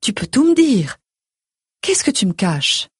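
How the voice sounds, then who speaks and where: A woman voicing a worried middle-aged mother who fires off anxious, pleading questions in a breathy voice. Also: a little high, sing-song, no room sound, studio quality, pitched above the performer's own voice, exaggerated voice. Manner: rapid stream of anxious questions.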